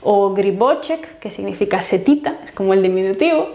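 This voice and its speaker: A woman's voice: medium pitch, expressive, a little mellow. Teacher woman in an echoey room. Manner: patient, repeats example words slowly and carefully. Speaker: Russian language teacher. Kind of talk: explanatory language lesson. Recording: roomy echo.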